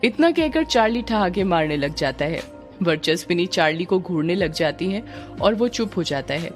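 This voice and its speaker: Female narrator for a story reading, steady and dramatic, soft music bed. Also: lowish voice, moderate pace.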